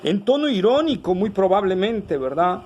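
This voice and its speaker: A man with a high voice preaches a sermon to his congregation. He keeps checking in with rhetorical tag questions. Faint noise sits behind him. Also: very animated, normal speed, darkish tone, poor audio. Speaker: pastor.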